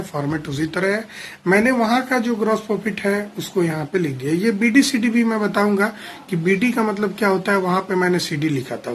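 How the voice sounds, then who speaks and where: A male teacher giving a classroom accounting lecture. He explains step by step, calls the students "children", checks often whether they follow, and reads definitions out slowly. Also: high-pitched, a little hiss or hum.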